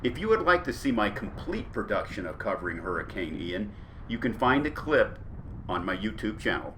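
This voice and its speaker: A man's voice: lowish voice, sing-song, normal speed. A man giving a scripted narration as a weather journalist reviewing gear. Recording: clear background noise, storm ambience.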